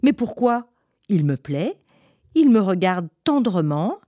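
A woman's voice: mid-range voice, very animated, slow pace, warm tone, no echo, highs cut off. A woman voicing a brave little boy with a limp, earnest and eager.

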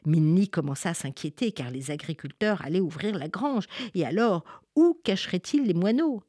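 Woman storyteller, low voice, very animated sing-song reading; dry close recording. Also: moderate pace, dry recording. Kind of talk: storybook narration.

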